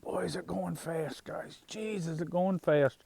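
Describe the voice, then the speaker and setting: A man talking casually to his viewers about the harvest and farm life, in an unhurried, halting way with plenty of fillers and restarts. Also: on the high side, vocal fry, a little mellow, breathy edge. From Northwest Indiana, USA. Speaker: farm vlogger. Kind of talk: casual rambling monologue.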